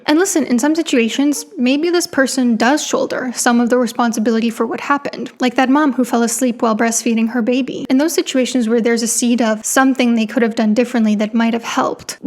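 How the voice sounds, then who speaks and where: A woman's voice: on the high side, a little mellow. A woman psychologist hosting her channel, giving blunt, impassioned commentary full of rhetorical questions. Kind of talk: opinionated commentary to camera.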